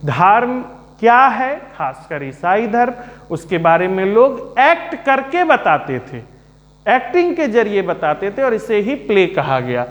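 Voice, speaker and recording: A man teaching a literature class, speaking slowly and calmly, repeating and spelling out words for his students. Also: sits high. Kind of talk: Hindi-English literature lesson. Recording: echoey room.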